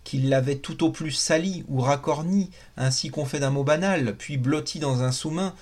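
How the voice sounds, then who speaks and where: A man voicing a sharp, condescending male detective in a detective story, lecturing and scolding. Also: fairly high pitch, normal speed, close to an everyday voice.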